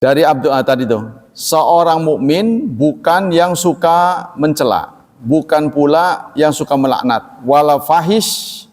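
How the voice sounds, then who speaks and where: A man's voice: fairly high pitch, expressive, a little slow, a little mellow, big-room sound. A man teaching at a religious study gathering, explaining Arabic terms in a loose, conversational way and asking the audience questions. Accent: Indonesian, from Banten region. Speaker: Islamic teacher.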